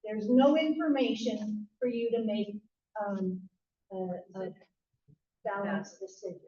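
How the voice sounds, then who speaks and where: A woman giving public comment at a town hearing, speaking in a measured, critical way. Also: medium pitch, mellow. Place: echoey town meeting hall. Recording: distant, echoey, dull hall recording.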